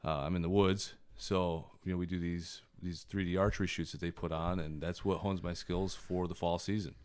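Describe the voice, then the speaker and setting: A man, a podcast guest telling relaxed stories and laughing often in a casual chat. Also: sits low, normal speed, clear, resonant tone, no echo.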